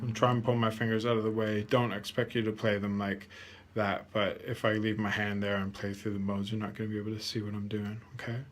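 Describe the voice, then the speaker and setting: A man's voice: on the low side, completely flat delivery, fairly quick, a little hiss or hum. A man teaching a guitar lesson, patiently counting out scale steps aloud. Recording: guitar playing between lines.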